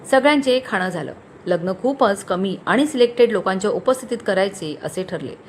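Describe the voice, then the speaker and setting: A woman storyteller narrating a romantic story in an expressive reading voice. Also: mid-range voice, fairly quick, a little hiss or hum.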